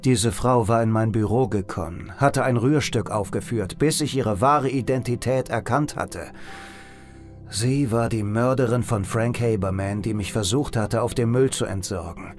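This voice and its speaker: An actor playing a world-weary hard-boiled private detective, narrating in the first person with dry, sardonic humor. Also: male voice, medium pitch, moderate pace, soft background music, lightly acted. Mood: wry. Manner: dry, sardonic inner monologue. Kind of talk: first-person noir audio drama narration.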